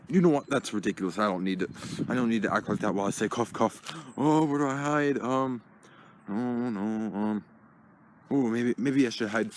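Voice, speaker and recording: A man's voice: medium pitch, slight background noise, natural voice. A man voicing a fussy old green plush toy who mutters nervously to himself. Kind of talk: plush toy puppet skit.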